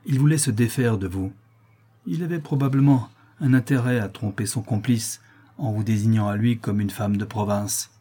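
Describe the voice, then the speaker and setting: A man's voice: medium pitch, dark tone, slightly rough, lightly acted. A male reader voicing an indignant, compassionate nobleman with earnest, shocked questions.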